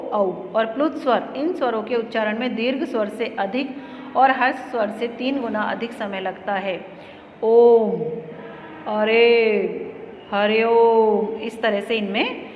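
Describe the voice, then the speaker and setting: A woman teacher walks children through a grammar lesson, slowly and step by step, in a fairly high voice. The room is echoey, with a long reverb tail and faint background hiss. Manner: slow, explaining step by step to children.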